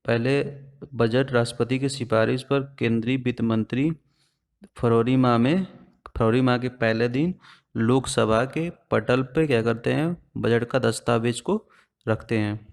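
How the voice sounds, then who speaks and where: A man gives an exam-prep lesson. He moves step by step, often putting a question to the class and then answering it himself. His voice sits at an ordinary middle pitch. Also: unhurried, creaky. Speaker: teacher.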